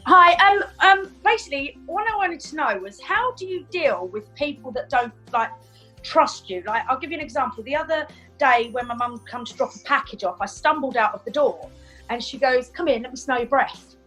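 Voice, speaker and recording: A woman's voice: high-pitched, animated, normal speed, sharp tone, faint music behind, low-quality recording. A woman with an English accent, a former client on a video call, asking her question hesitantly with many fillers and rising agitation.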